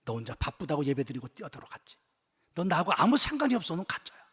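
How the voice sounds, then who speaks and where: A pastor putting on the voice of God, a stern and solemn male presence that speaks slow and low. The words come out husky and grave, ringing through a church hall with a long reverb tail. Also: very animated, a bit bright, exaggerated voice. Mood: stern rebuke.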